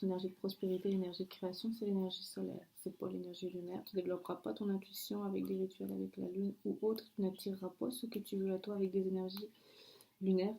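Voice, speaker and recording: A woman's voice: mid-range voice, vocal fry, dark tone. A woman giving a channeled oracle card reading in an earnest, firm way, often breaking off and restarting her sentences. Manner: earnest, halting, with frequent restarts and apologies; firm, warning tone. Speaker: spiritual card reader.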